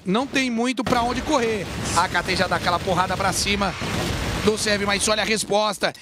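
A Brazilian man commentating esports live in an excitable game-announcer style, stretching and shouting his calls. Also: high-pitched. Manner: excited, drawn-out shouts on big plays. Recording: clearly noisy game broadcast.

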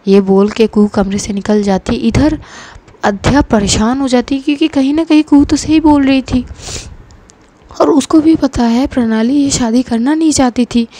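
Mellow-voiced woman telling a story. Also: high voice, normal speed. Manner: conversational, plain retelling. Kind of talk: casual story narration.

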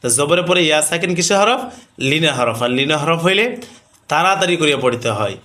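A man teaching Quran recitation rules, chanting drawn-out examples and then explaining quickly, asking questions and answering them himself. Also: fairly high pitch, expressive, sharp tone. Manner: slow sung recitation alternating with rapid rule explanations.

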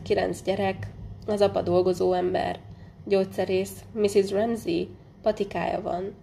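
A woman narrating a literary audiobook in a measured, unhurried way, now and then stumbling and restarting a word. Her voice is low-toned and mellow with a gravelly edge, sitting at an ordinary pitch for a woman. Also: a little hiss or hum. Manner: measured, unhurried reading with small slips and restarts. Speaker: audiobook reader.

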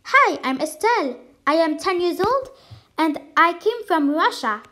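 A woman's voice: extremely high pitch, expressive, unhurried, pushed and bright, full character voice. A young woman doing an eager ten-year-old girl.

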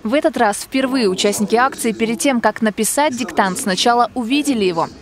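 High-voiced woman reporting the news. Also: fairly quick. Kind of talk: scripted news narration.

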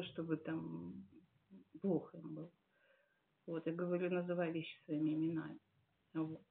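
Earnest gravelly woman on a tinny line. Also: on the low side. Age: 40s. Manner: earnest, musing, many fillers and pauses. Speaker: church member giving testimony. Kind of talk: personal testimony at a service. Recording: tinny phone-like sound.

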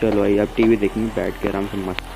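A man's voice: fairly low pitch, little pitch movement, quick pace, vocal fry, background noise. A man, chatting casually to viewers as he plays a horror game. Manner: chatty, keeps addressing viewers as guys. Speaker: gaming YouTuber. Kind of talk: casual let's-play commentary. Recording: game music behind. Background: game music.

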